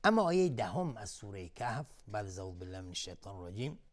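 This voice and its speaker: A man teaching tajweed on television, chanting verses slowly and melodically, then explaining each recitation rule in a calm spoken voice. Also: fairly low pitch. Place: television studio.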